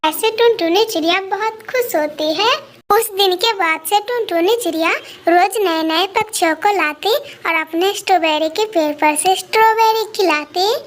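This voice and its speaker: A woman narrating a cartoon story in a lively way, and speaking directly to her viewers. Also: very high voice, moderate pace.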